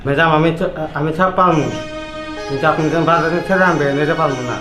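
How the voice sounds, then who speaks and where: A man acts out a timid, pleading servant in a melodramatic short film, with a Bangladeshi Bengali accent. His high voice stammers along. It is recorded from a distance in an echoey room, over music. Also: steady tone, fast, close to an everyday voice. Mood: flustered.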